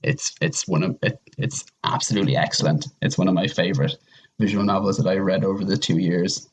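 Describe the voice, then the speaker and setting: A man appears as a podcast guest, casually recommending games while rambling enthusiastically and stacking up intensifiers. His voice is low with a breathy edge, and he talks a little fast. The recording quality is low.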